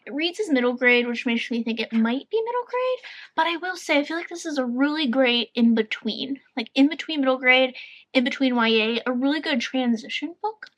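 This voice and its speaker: A woman's voice: high voice, lively intonation, brisk. A woman book vlogger talking in a chatty, upbeat way, rambling a little as she goes. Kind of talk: casual chat.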